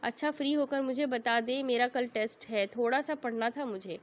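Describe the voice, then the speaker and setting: A woman reading the part of a lively, talkative young girl who teases and fusses over her family, in a storybook reading. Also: a little high, moderate pace, lightly acted. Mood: playful. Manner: playful, bossy chatter.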